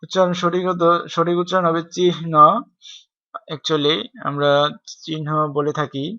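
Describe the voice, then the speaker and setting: A man's voice: fairly high pitch, steady tone, brisk, a bit bright, no room sound. A man gives a screen-recorded typing tutorial, explaining step by step and spelling out keys letter by letter. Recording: dry, dull lo-fi home recording.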